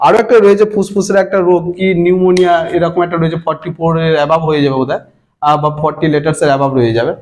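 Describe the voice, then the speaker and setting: High-voiced Bengali man teaching English. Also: steady tone, a little mellow. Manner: patient, repeats and spells words letter by letter; stretches long words out slowly, syllable by syllable. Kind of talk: explaining grammar lesson.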